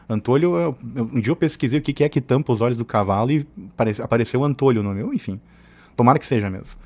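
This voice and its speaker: He talks fast in a medium-pitched, slightly mellow voice, offering informal commentary as host of an opinion channel. Originally from southern Brazil, he's opinionated and colloquial, slipping into asides as he makes his case.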